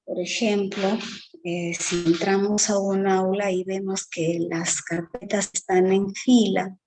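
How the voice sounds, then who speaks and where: A woman teacher giving an exam-prep lecture, explaining slowly with many fillers and tag questions. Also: medium pitch, flat delivery, darkish tone, low-quality recording.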